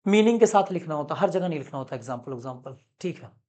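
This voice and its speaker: Animated male commerce teacher lecturing. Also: fairly high pitch, fast talker. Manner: animated, coaxing, keeps checking understanding; calls students son, mixes English terms into Hindi. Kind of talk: classroom lecture.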